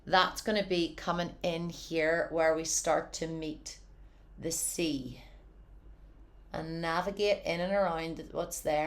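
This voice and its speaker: A woman giving a casual, encouraging painting tutorial from her studio, chatty and often saying "wee". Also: sits low. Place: home art studio.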